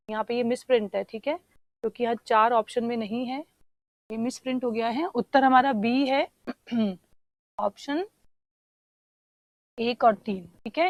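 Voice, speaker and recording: A woman teacher going through exam answers one question at a time. She explains slowly, spells out words while she writes them and keeps checking with "theek hai". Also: a little high, dry recording, highs cut off. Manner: often says "theek hai" to check understanding. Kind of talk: exam answer discussion lesson.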